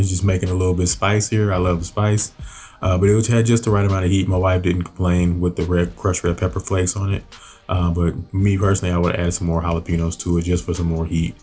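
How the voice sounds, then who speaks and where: A man in his thirties, host of a home cooking channel, narrating his grilling in a relaxed, loose way with lots of fillers and restarts. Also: low-pitched, a little fast, faint music behind. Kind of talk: casual voice-over narration.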